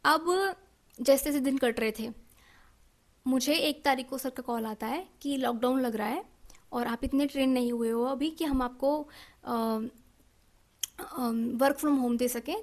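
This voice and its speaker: High-voiced young woman telling an upset story. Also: a little slow. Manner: emotional, frequent fillers and self-corrections, mixing in English words. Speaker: vlogger. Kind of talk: personal storytime.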